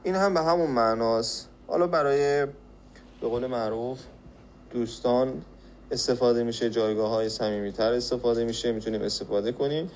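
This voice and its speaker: A man's voice: mid-range voice, a little hiss or hum. Man from Iran teaching a podcast lesson. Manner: explains patiently, repeats phrases slowly, asks rhetorical questions. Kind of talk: spoken language lesson.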